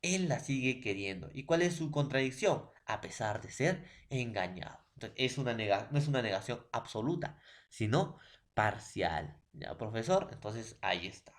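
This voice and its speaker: A man's voice: medium pitch, very animated. A male secondary school teacher with a Peruvian Spanish accent, giving an online class lecture, asking his students constant check-in questions and stressing key terms. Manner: repeats "profesor" and "¿ya, jóvenes?" as verbal tics; emphatic rises on key terms, drawn-out slow words.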